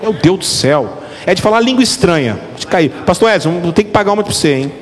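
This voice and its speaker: A middle-aged man, a pastor, preaching a lively, joking sermon straight to his congregation. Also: sits high, fast. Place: church hall. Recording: reverberant hall with faint music.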